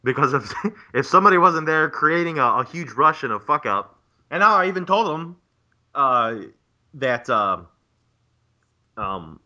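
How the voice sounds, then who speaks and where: A man's voice: a little high, expressive, a little slow, pauses often, bright, forceful tone, lo-fi sound. A man in his twenties, a graduate student, on a casual podcast, ranting profanely and with exasperation about bureaucracy. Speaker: podcast co-host.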